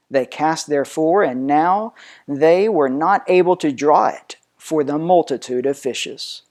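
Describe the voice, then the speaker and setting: A man reading scripture aloud in a solemn, measured way, declaiming it with emphasis. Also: a little high, a little mellow. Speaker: reader of scripture.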